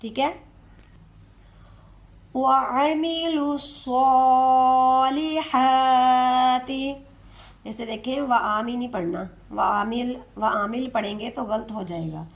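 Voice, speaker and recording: A woman teaches recitation in a slow, patient lesson. Her voice is fairly high with a gravelly edge, and she stretches out each verse she chants. Her explanations are unhurried and careful. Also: fairly bright tone. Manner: explains slowly, then chants verses drawn out.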